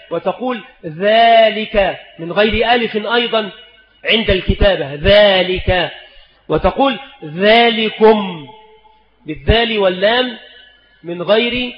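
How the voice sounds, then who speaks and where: A man, a scholar teaching spelling rules in a recorded lesson, who speaks slowly and deliberately and dwells on each example word. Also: sits high. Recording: echoey hall, dull lo-fi sound.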